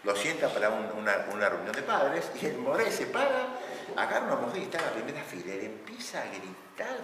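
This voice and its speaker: A man giving a lively lecture on couples' communication, acting out shouted examples. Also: medium pitch. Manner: animated, acts out shouting examples, laughs often. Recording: echoey hall, mic at a distance, audible noise.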